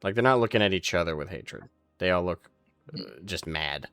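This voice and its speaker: A man narrating as game master of a tabletop game, pausing often with fillers as he describes scenes. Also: sits low, lively intonation, a bit bright, no room sound, soft background music. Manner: halting, filler-heavy descriptions.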